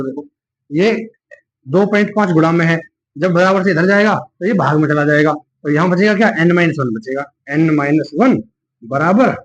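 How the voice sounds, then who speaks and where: A man tutors maths step by step, patient and reassuring as he talks each calculation through aloud. His voice sits somewhat high for a man. The recording sounds dull and lo-fi. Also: a little hiss or hum.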